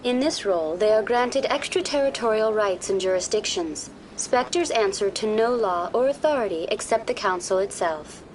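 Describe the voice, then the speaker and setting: A woman voicing a too-smooth female AI guide. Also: medium pitch, moderate pace, few pauses, slight background noise, lightly acted, low-quality recording. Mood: calm informative. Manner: even, courteous, too-smooth synthetic delivery. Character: smooth, polite female virtual-intelligence information program. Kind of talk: video game voice acting. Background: game music.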